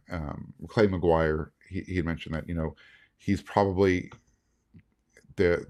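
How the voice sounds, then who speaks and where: A man hosting a sports podcast, recapping in a casual, rambling way with many fillers and restarts. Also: low-pitched. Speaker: podcast host.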